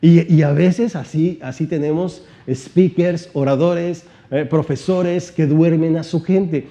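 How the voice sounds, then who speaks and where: A motivational trainer from Mexico gives a slow, animated, seminar-style teaching talk. He shifts his volume and pitch and asks many rhetorical questions.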